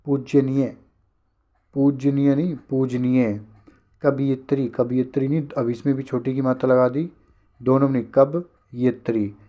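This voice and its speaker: A man teaching a spelling lesson for an exam, briskly repeating each word to correct it. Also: mid-range voice, flat delivery, highs cut off.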